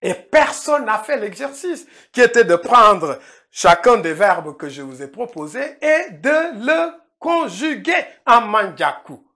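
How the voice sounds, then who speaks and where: A middle-aged man gives a filmed language lesson. He speaks slowly and deliberately and repeats words several times. His pitch swings widely as he explains. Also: big pitch swings, pushed and bright. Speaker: language teacher. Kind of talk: lecture-style language lesson. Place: indoor room, filmed by a cameraman.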